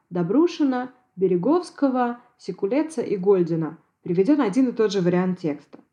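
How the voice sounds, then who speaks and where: A woman, a Yiddish language expert, giving a precise, measured scripted lecture on dialects. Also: medium pitch, mellow. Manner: measured, precise academic delivery.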